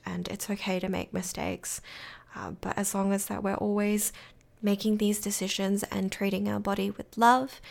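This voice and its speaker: A woman's voice: medium pitch, gravelly. A young woman, hosting a podcast in a rambling, reassuring way, her morning voice cracking. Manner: rambling, reassuring, many fillers. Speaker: podcast host. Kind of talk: casual solo podcast talk.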